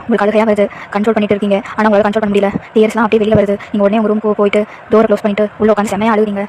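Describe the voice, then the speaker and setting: Fast-talking woman narrating fan fiction. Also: medium pitch, completely flat delivery, a little mellow, slight background noise. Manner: rapid, running storytelling.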